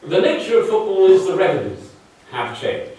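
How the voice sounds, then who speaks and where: A sing-song, high-sitting yet dark-toned voice at normal speed belongs to an older Mancunian from Manchester, England, explaining charts in a public lecture with wry, dry comments. He is recorded from far off in a large, very echoey hall.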